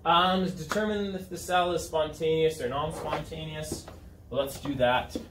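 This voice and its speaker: A high school chemistry teacher in his thirties, his voice a little high with fairly even intonation, leads a class at an unhurried pace. He keeps it informal and conversational, asking students questions and checking in as he goes. A camera set back in the room captures him distantly, with a roomy sound and room noise.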